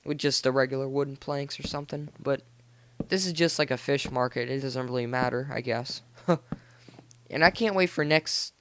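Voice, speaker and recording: This American teenage male has a medium-pitched, fairly bright voice, with a little hiss or hum in the recording. He chats informally and slangily over a gaming video, a rambling voice-over done indoors once the gameplay was finished.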